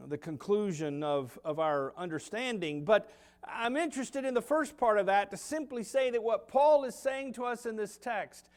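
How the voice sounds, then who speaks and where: A middle-aged man with a Southern US accent preaching a sermon as pastor, swinging from loud emphasis to quiet low asides. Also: lively intonation, normal speed, clear, resonant tone. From United States. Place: church sanctuary.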